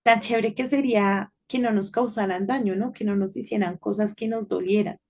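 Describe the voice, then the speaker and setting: A middle-aged woman giving an informal devotional talk to children, telling a story in a chatty way and often checking in with a quick "right?". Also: mid-range voice, fairly even intonation, darkish tone. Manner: chatty storytelling with frequent tag questions.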